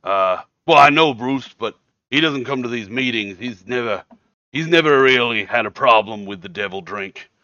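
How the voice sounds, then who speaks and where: A man voicing a boisterous, overfriendly leader of an anti-drink protest group, talking loudly and rambling. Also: medium pitch, lively intonation, normal speed, dry recording, muffled recording. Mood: eager.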